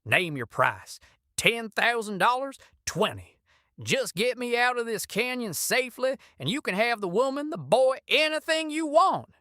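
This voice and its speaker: A woman's voice: on the high side, animated, measured pace, a bit bright, no room sound, clean studio sound. Woman doing a shrieky cornered tycoon guy in a storybook, voice cracking all over. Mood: pleading. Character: panicked male railroad tycoon, whining.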